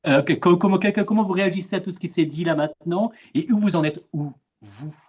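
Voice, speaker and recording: A man's voice: sits high, a little fast. A man with a French accent moderating a webinar over a video call, talking in a conversational way, often repeating words as he goes. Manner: hesitant, repeats words, animated emphasis. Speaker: webinar moderator and expat coach.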